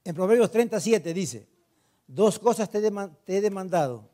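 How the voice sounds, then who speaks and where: A man's voice: sits high, moderate pace. A pastor preaching a sermon, retelling scripture and putting questions to his congregation, then answering them himself. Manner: retells scripture with emphatic, animated delivery.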